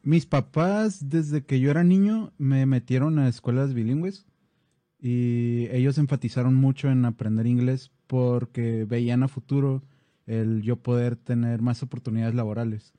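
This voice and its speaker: Very mellow, dark-voiced northern Mexican man. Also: medium pitch, fairly even intonation, moderate pace, dry recording. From Baja California, Mexico. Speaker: podcast co-host, software developer. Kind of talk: casual conversational chat.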